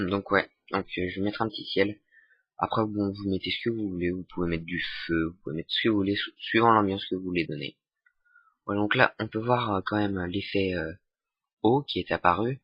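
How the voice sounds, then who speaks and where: A young man giving a casual software tutorial, hesitant with many fillers and restarts. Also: fairly low pitch, a little fast, slightly rough, no room sound. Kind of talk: casual screen-recorded tutorial. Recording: dull lo-fi desktop mic.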